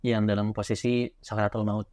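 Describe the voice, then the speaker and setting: A young man, a horror writer recounting a childhood scare in casual podcast chat. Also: on the low side. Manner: animated storyteller, quick and loose. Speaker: guest, horror story writer.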